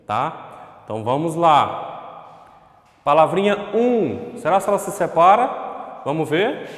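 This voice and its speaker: A man with a Brazilian accent teaches young pupils at a whiteboard in an unhurried, patient way. He stretches words out slowly, as if dictating. His voice rings in a roomy classroom with a long, echoing tail. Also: on the high side. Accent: Brazilian Portuguese. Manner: addresses the pupil at home, asks "ok?". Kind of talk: primary school online lesson. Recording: echoey room with long reverb.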